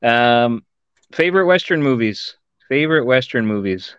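Host, male, relaxed and friendly, smooth voice, dry and slightly dull recording. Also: mid-range voice, normal speed, dry recording. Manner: laid-back, friendly "man" and "dude". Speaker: podcast host. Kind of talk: casual interview chat.

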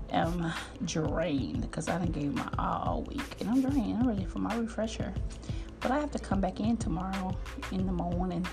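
A woman's voice: medium pitch, gravelly. A woman hosting a podcast in casual motivational chat, teasing her co-worker and laughing often, speaking. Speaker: podcast host.

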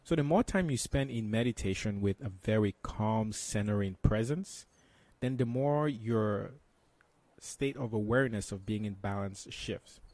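A man's voice: lowish voice, a little slow, darkish tone, dry recording. A man speaking as an interview guest, explaining things conversationally like a meditation teacher.

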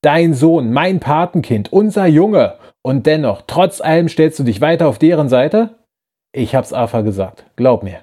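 A man reads a turncoat rebel with a raised, reproachful voice, urgent and taunting as he presses his old friend. The tone stays mellow and dark underneath, and it plays out as an audiobook scene. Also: a little high, lively intonation, moderate pace, voice pushed up. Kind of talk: audiobook character voice.

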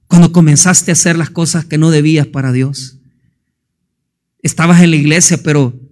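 Man, pastor, high-pitched voice, fervent sermon, rhetorical questions, booming then hushed. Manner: fervent preaching, firing rhetorical questions at the congregation; swings between booming and hushed delivery. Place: church.

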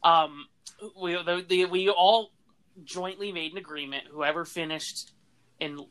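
A young man hosting a podcast, telling stories among old friends with frequent laughter and animated asides. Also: fairly high pitch, measured pace, smooth. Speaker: podcast host.

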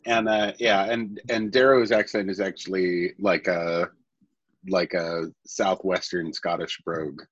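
Husky Irish man, chatty, on a dull dry mic. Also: low voice, steady tone, unhurried, dry recording. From Ireland. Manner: talkative, explaining at length with repeated restarts. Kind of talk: casual chat.

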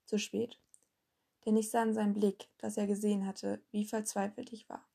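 A woman reading a fan-written story aloud in the first person, earnest and steady, as host of her own audiobook podcast. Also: mid-range voice, moderate pace, vocal fry, husky. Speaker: fanfiction reader, podcast host.

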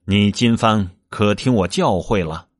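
A man voicing a gentle but stern male monk master, speaking slowly and low in an admonishing way. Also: no echo, studio quality.

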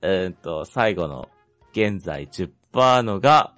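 A man's voice: low voice, animated, a little slow, a bit bright, faint music behind. A man chatting casually about his own life as a panelist, polite and a little hesitant, thinking aloud. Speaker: panelist on a hobby talk show.

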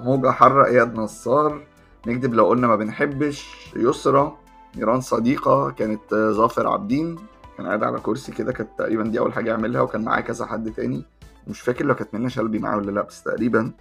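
Male podcast co-host, Egyptian Arabic accent, rapid and creaky, casual chat delivery. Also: medium pitch, fairly even intonation, fairly bright tone, soft background music. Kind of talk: casual chat between friends.

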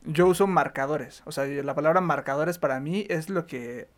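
A man from Chihuahua, Mexico, chatting casually on a podcast and leaning heavily on filler phrases. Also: on the high side. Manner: rapid, talkative, lots of "o sea" fillers. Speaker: podcast co-host or guest. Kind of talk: casual chat.

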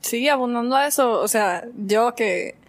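A woman's voice: a little high, unhurried. A woman with a Puerto Rican accent chatting playfully as a podcast guest, dropping in bits of English. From Puerto Rico. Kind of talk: casual chat.

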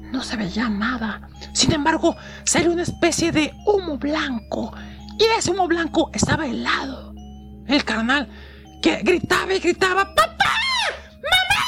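A woman with a Mexican accent telling a horror story casually, with slang, jokes and dramatic pauses. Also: high voice, fairly bright tone.

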